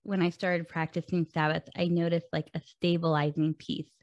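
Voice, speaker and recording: Woman podcast host, deep gravelly voice, conversational and affirming. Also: level tone, normal speed, no echo, highs cut off. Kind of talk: interview conversation.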